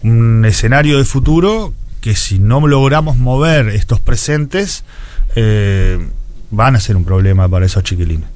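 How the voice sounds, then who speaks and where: A man in his forties from Montevideo, Uruguay, with a Uruguayan accent, answers as an interview guest and education official. His medium-pitched, darkish voice is expressive and unhurried, and he often repeats words while hunting for the right phrasing.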